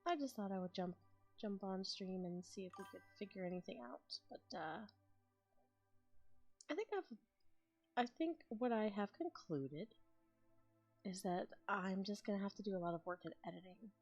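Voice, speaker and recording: A tired young woman streaming, chatting casually and thinking out loud with frequent laughs. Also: mid-range voice, expressive, moderate pace, pauses often, breathy edge, muffled recording, soft background music. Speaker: ASMR streamer. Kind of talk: casual chat on a live stream.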